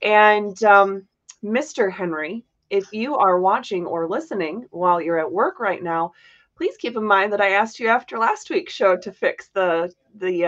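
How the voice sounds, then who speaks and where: A woman of middle pitch hosts a live podcast, talking casually and rambling a little, with frequent fillers and playful jabs. Her audio is slightly muffled and lo-fi, like a streamed call. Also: fairly bright tone. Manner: chatty and rambling, many fillers and self-corrections; playful teasing. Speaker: podcast host. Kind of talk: casual livestream chat.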